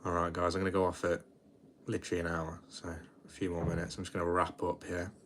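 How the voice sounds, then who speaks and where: A twenty-year-old British man with a low, deep voice talks to his livestream in a relaxed, rambling way, often restarting his sentences. Faint background noise sits under his voice. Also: quick pace. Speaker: livestream host. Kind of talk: casual late-night livestream chat.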